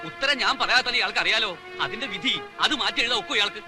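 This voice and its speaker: An actor playing the proud, defensive head of an old family who answers curtly and bitterly, in a film with faint music. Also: male voice, sits high, rapid-fire, close to an everyday voice. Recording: film soundtrack with faint score.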